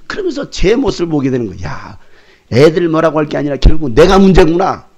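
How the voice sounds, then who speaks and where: A man's voice: on the high side, brisk, dull audio. A male pastor preaching a sermon, telling stories animatedly and acting out the scenes he retells. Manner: animated storytelling, shouting in retold scenes. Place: church sanctuary.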